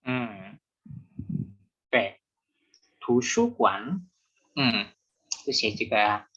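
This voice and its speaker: A man teaching a beginners' Mandarin class online, explaining patiently and slowing down to repeat examples. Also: fairly high pitch, animated, sharp tone. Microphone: video call. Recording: muffled video call audio.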